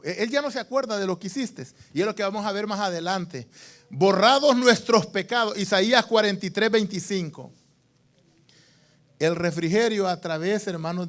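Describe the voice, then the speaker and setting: A man preaching a sermon as pastor, calling for amens and repeating phrases for emphasis. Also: high-pitched.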